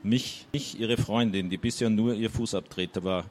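Low-voiced man reading a novel. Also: steady tone, normal speed. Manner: hesitant when summarizing, with fillers. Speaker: audiobook reader. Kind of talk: reading a novel aloud with short spoken summaries.

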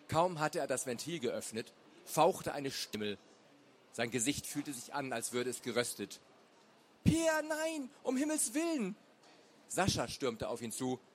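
Man, audiobook narration, measured, dramatic, mid pitch. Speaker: reader.

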